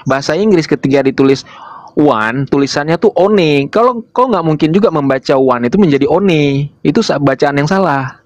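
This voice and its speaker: A man's voice: fairly high pitch, animated, a little fast, no room sound, lo-fi sound. A man hosting an online religious debate, lecturing insistently and firing rhetorical questions.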